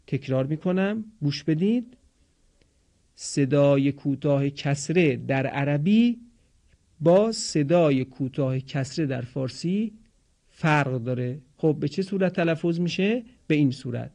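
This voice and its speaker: A man teaching Quran recitation in a pronunciation lesson, explaining patiently and sounding out model words slowly for listeners to repeat. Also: fairly high pitch, lively intonation, creaky, dark tone.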